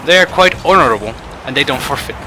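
A man giving frustrated gameplay commentary, swinging between muttering and shouting. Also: mid-range voice, lively intonation, fast talker, background noise. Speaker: gaming channel host.

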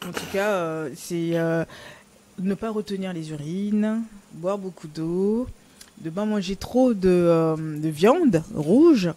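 A man's voice: sits high, slow, dark tone. A man hosting a TV health show, who echoes the guest's advice and sums it up for viewers. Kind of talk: TV health interview.

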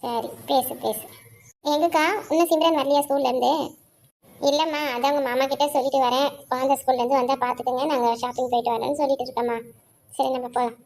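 A woman voicing a practical older sister in a cartoon, chatty and brisk while running errands. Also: high voice, steady tone, darkish tone. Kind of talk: cartoon voice acting.

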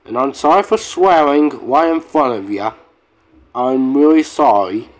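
A man making a casual vlog for his channel, talking in a halting, rambling way with frequent restarts and swearing. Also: mid-range voice, low-quality recording. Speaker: YouTuber. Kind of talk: casual vlog rant to viewers.

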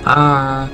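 A man chatting casually as a co-player, teasing in a playful, clipped way. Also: medium pitch. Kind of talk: casual gameplay chat.

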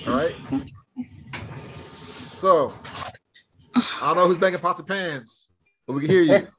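A man's voice: high voice, a little slow, a bit bright, slight background noise. Casual man drilling a Hebrew class. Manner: casual, drilling students with questions. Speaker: Hebrew teacher. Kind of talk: live online class.

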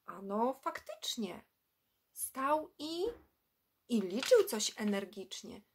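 A puffing, self-assured railway porter from a children's storybook, as a woman puts him on. He gives loud, emphatic assurances in a raised voice. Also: a little high, very animated, slow pace, a little hiss or hum, heavily acted. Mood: insistent.

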